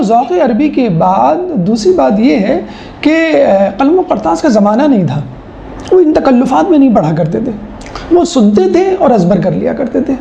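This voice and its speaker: A woman's voice: high-pitched, creaky, warm tone, roomy sound, muffled recording, a little hiss or hum. A woman lecturing as a teacher, explaining step by step with rhetorical questions and mimicking how people talk. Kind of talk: classroom lecture.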